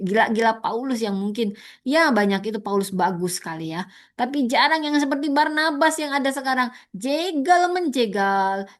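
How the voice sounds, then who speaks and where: Woman preacher, sermon, fairly high voice, animated, repeats words for emphasis. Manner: animated, leaps to high pitch for emphasis and mock quotes; addresses listeners as "saudara", repeats words for stress.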